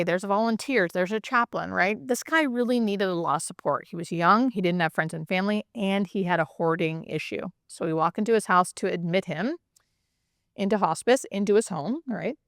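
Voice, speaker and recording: A woman with a mid-pitched voice speaks casually as a hospice nurse being interviewed. She explains and tells stories with emphatic repeats and little check-in questions. The sound is dry, with almost no room echo. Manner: animated, emphatic repetition, frequent check-in questions like "right?". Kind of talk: casual conversational explaining and storytelling.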